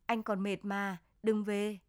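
A woman reading the lines of a shy, caring young village girl in a storybook, with soft, plain talk. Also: medium pitch, flat delivery, takes it slowly, clean tone, dry recording, clean studio sound, natural voice. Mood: coaxing.

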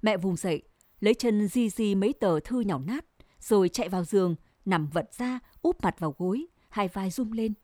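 A woman narrating a scripted first-person story in a measured, sorrowful way. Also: medium pitch, expressive, mellow, dry recording, studio quality.

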